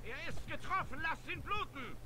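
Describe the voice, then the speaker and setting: An actor playing an aggressive, urgent enemy soldier shouting combat barks in a video game. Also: male voice, extremely high pitch, lively intonation, normal speed, over music.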